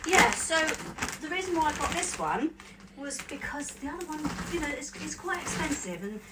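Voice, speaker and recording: A woman's voice: high-pitched, sing-song, normal speed. A middle-aged woman chatting matter-of-factly about a purchase in a small caravan bedroom. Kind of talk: casual product review chat. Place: tiny bedroom in a static caravan. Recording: distant mic with loud background noise.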